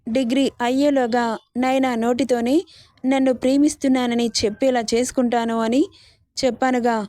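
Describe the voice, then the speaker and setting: A woman's voice: on the high side, little pitch movement, moderate pace, dark tone, dry recording, studio quality, close to an everyday voice. A woman voicing a young male college student in a spoken story, speaking dismissively. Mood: gloating. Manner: mocking then remorseful. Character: young man, a callous college prankster.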